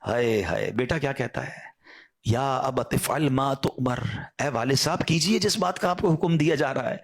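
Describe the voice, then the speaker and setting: A man's voice: mid-range voice, creaky. A man preaching a sermon, telling a story with feeling, breaking into sighing exclamations and rhetorical questions.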